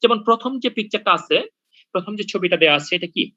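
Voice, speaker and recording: A man giving an online lab lecture over a video call, patient, often stopping to check that students follow and filling pauses with hesitations. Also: high voice, bright, forceful tone, no room sound, muffled recording. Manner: patient, repeats "ঠিক আছে?" to check in with students; hesitant with frequent fillers. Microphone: computer mic on a video call.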